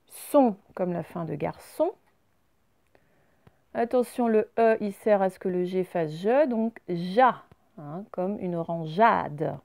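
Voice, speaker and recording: A woman teaching a recorded reading lesson to young children. She explains each word slowly and clearly, step by step. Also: lowish voice, expressive, darkish tone, no echo.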